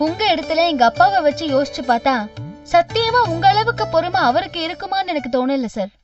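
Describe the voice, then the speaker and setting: An earnest, pleading family-minded woman in her thirties, very high voice, serial drama with distant, dull sound and music behind. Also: lively intonation, brisk. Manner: pleading, respectful, repeatedly says "sir". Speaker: lead character in a TV serial. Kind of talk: television serial acting. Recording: distant dull TV audio with background score.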